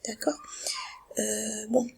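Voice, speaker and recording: A woman teaching a grammar lesson, explaining patiently, repeating herself and checking that her students understand, in a breathy, half-whispered voice. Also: a little high, level tone, extremely slow, mellow. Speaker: French teacher.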